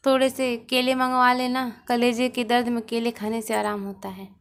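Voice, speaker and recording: A woman's voice: on the high side, level tone, moderate pace, smooth, natural voice. A woman voicing an ailing old mother who groans, laments and makes sly demands, in a read-aloud story. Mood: sarcastic.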